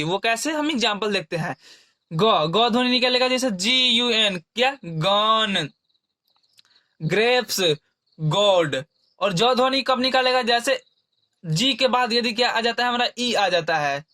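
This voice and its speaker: High-voiced man teaching. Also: sharp tone, no room sound. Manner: repeats questions and answers them himself; spells out example words slowly. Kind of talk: classroom-style explanation.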